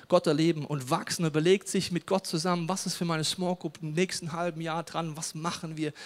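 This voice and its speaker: Lively male preacher. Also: a little high. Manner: lively, colloquial preaching with playful asides. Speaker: pastor. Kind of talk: sermon.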